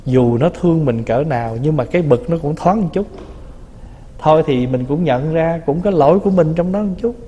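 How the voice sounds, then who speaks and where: Buddhist monk giving a warm-toned dharma talk. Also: male voice, fairly high pitch, normal speed. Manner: conversational, teasing, acts out little quotes. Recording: long reverb of a hall.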